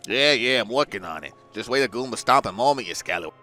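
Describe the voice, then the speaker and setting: A man's voice: medium pitch, expressive, fast, pushed and bright, faint music behind. A man voicing a weary, irritable old sailor in a video game, with a dry grumbling manner. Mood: irritated.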